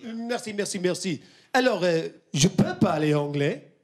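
A man's voice: very high voice, big pitch swings, takes it slowly, heavily acted. A man playing a pompous fake French folk singer with a thick French accent, performing live comedy. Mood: mock indignant. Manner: hammy, mock-pompous, mixes French and English. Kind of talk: live stand-up comedy song. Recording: live venue with music and loud crowd.

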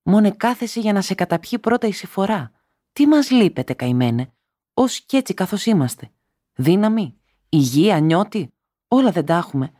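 A man's voice: mid-range voice, expressive, warm tone, dry recording, studio quality, close to an everyday voice. A man reading a story aloud and voicing a young woman who is tender at times and bitter at others, speaking emotionally and rising to cries. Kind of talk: audiobook character reading.

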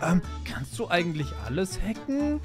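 A woman's voice: on the low side, moderate pace. A woman hosting and playing in a game role-play, chatty and full of exclamations. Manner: lively, chatty, exclaims a lot. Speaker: channel host playing the lead. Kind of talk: Minecraft role-play with narration to viewers. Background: background music.

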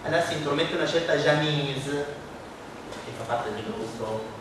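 A man from Palermo performing a theatrical monologue on stage, with wry, halting storytelling. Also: fairly high pitch, background noise. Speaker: stage actor in a one-man show. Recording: echoey stage from far off.

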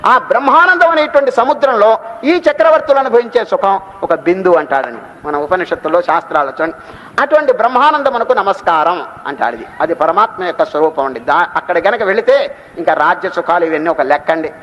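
A man giving a devotional discourse, explaining verses in a conversational way and chanting them slowly. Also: high voice, animated, a bit bright, a little hiss or hum. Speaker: spiritual discourse speaker. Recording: dull audio with long hall reverb.

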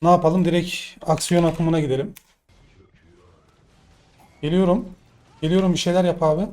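A young man commentating his own gameplay live, excitable and swearing in frustrated outbursts. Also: on the high side, normal speed. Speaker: gaming streamer.

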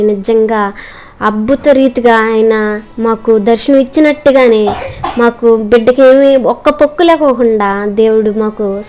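Young mom sharing her church testimony, earnest and quick, voice a bit high. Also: darkish tone. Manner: earnest, polite, quick storytelling. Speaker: mother giving testimony. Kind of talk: personal religious testimony.

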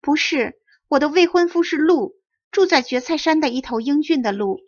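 Wind spirit girl, high and earnest woman reader, fairy-tale audiobook, dull audio. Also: expressive, normal speed. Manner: pleading, high and light. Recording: dry dull close recording.

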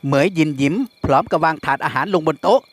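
A male audiobook narrator reads a classic novel in a steady, even way. His voice sits slightly higher than most men's. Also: fast talker, no room sound.

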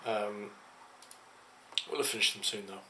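A tired young Englishman vlogs casually to a desk webcam in his small home office, rambling with lots of hesitant fillers. His voice sits fairly low and moves a little slowly with fairly even intonation, bright and forceful in tone. There's slight background noise.

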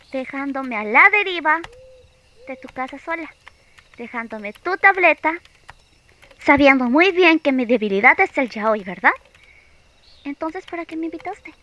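A woman playing a playful, pouty young girlfriend in an ASMR role-play, speaking slowly and coaxingly with teasing hums and pauses. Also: sits high, lively intonation, bright, forceful tone, muffled recording, full character voice. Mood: pouty, annoyed.

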